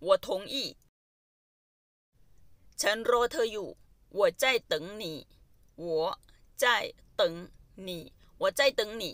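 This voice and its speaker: Slow, careful woman language teacher. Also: medium pitch, fairly bright tone, no room sound. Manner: slow, deliberate syllable-by-syllable drilling. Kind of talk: Mandarin phrase lesson in Thai.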